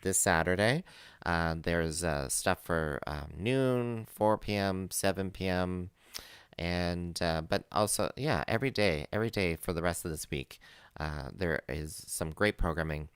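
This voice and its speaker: A man's voice: deep voice, measured pace, clean tone, no echo, studio quality. A man hosting a live community radio show, chatting casually with plenty of fillers and easy laughter. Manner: rambling, many fillers, laughs easily.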